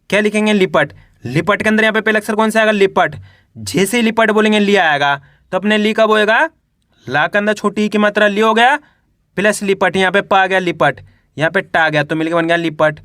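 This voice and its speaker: A man's voice: sits high, moderate pace, fairly bright tone, no echo, clean studio sound. A young man teaching a Hindi reading lesson, spelling out words syllable by syllable and quizzing the viewers.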